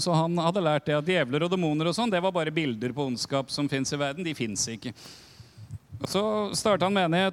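A male preacher delivers a teaching in a frank, conversational way. His voice sits high, and he breaks off into quick asides and questions to the congregation. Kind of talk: sermon teaching.

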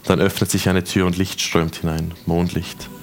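A man from Switzerland narrating as game master of a tabletop game, slow and dramatic, voicing figures' quotes. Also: low-pitched, level tone. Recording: music playing behind.

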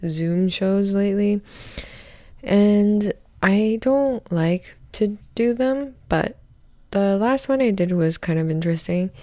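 A young woman hosting a podcast, rambling through a crude, self-mocking comedic monologue in a deadpan way. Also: sits low, no echo, studio quality. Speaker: podcast host.

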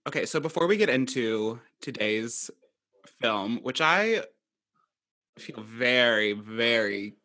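A man's voice: mid-range voice, expressive, slow, pushed and bright. A young man hosting a podcast in a campy, sarcastic, theatrical way. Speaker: podcast host. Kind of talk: casual podcast chat.

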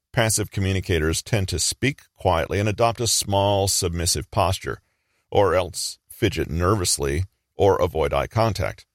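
Deep-voiced man narrating a lesson. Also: no room sound, studio quality. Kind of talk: scripted educational narration.

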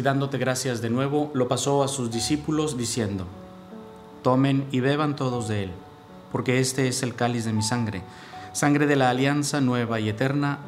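A male priest leading the prayers of a Mass with steady, solemn recitation, his voice carried by the echo of a large church. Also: medium pitch. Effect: cathedral echo. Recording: echoey church with faint background hiss.

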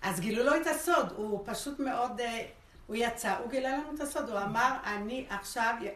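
A woman in a study group explaining a point in a measured way. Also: fairly high pitch, fairly bright tone. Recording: roomy, distant from the mic.

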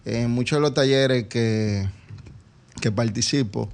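An advertising company businessman appears as an interview guest, speaking conversationally with a Caribbean Spanish accent from the Dominican Republic. His voice is medium-pitched and darkish, and he takes his time.

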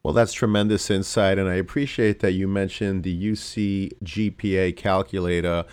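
Deep-voiced man hosting a podcast. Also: little pitch movement, normal speed, darkish tone, clear, resonant tone. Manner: formal, complimentary questioning. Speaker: podcast host. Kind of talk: podcast interview.

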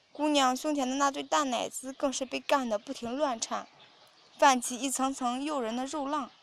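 A woman narrating an audio story in a steady reading voice. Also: high-pitched, a little hiss or hum.

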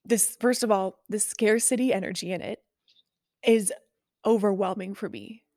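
A woman's voice: mid-range voice, normal speed, darkish tone. A woman with a mid-range voice hosts a podcast conversation. She reacts with effusive enthusiasm and eager follow-up questions. Her voice sounds close and dry, with no room echo. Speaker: podcast host. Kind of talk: podcast interview.

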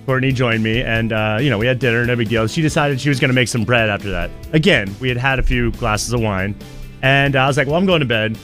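A man's voice: mid-range voice, fast talker, fairly bright tone, faint music behind. A man co-hosting a morning radio show, joking and telling stories with dry humor.

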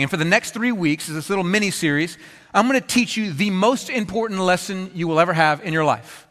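A pastor preaching a sermon in a conversational, animated way, acting out little scenes with playful humor. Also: male voice, high voice. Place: church auditorium. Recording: long reverb of a large hall.

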